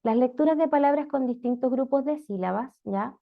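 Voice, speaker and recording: Speaking a little fast in a creaky voice that sits high, a woman delivers an online lecture on teaching reading. As a special education instructor, she explains step by step with frequent "¿ya?" check-ins. The recording is muffled and lo-fi.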